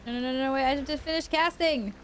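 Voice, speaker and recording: A woman's voice: high voice, quick pace, faint music behind, low-quality recording. A woman doing casual, playful live gaming commentary with little sing-song asides. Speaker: game streamer.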